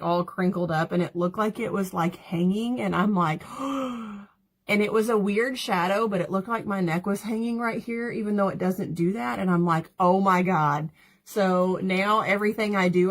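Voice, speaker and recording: A woman hosts a makeup livestream. She talks in a loose, rambling way, full of "like" and small laughs, and answers viewers between steps. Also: fairly low pitch. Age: 30s. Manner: chatty, rambling, laughs often, reads out viewer comments. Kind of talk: casual livestream chat while doing makeup.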